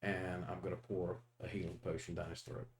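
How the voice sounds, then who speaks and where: A man with a low voice plays a tabletop role-playing game. He talks in a halting way, restarting often and filling gaps with "you know". He laughs easily between his moves. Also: little pitch movement, a little hiss or hum. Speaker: player.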